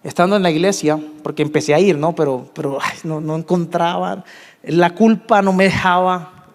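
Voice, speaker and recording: A man in his thirties with a Colombian Spanish accent, telling his testimony in a sermon, swinging between hushed confession and emphatic peaks. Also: steady tone, normal speed, big-room sound. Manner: emotional storytelling, dropping to hushed tones and rising to emphatic highs. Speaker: preacher.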